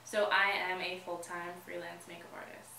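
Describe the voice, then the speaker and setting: A woman in her mid twenties chats casually on a vlog with a bright, sharp voice, teasing her partner and laughing at his jokes. She was recorded from a distance in an echoey room with a faint hiss behind her. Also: lowish voice, little pitch movement, a little fast, gravelly. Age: 20s. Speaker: vlog co-host. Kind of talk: casual chat.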